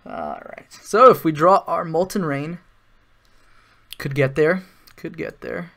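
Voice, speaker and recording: A man's voice: on the high side, slow, fairly bright tone. A man giving casual live-stream commentary while playing an online card game, thinking aloud, with sarcastic asides.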